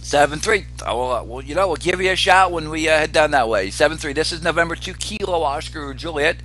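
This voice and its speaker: A man casually hosting a ham radio net as its control operator, with a halting delivery full of pauses. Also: fairly high pitch. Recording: noticeable hum and background noise.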